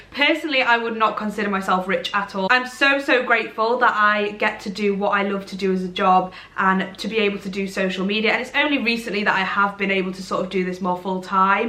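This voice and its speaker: Chatty and self-deprecating, this Derbyshire vlogger in her twenties rambles to a camera in a bright room at her home, speaking with an English Midlands accent. Her voice is mid-range, bright and forceful in tone. The room sounds echoey.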